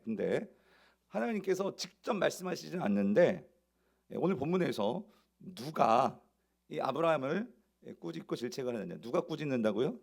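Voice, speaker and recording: A man's voice: a little high, vocal fry. A male pastor preaching a sermon, asking the congregation rhetorical questions.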